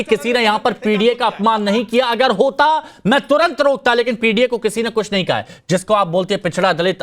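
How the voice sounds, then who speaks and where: Man, TV debate anchor, high voice, firm and scolding, cuts in on guests. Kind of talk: heated news debate moderation.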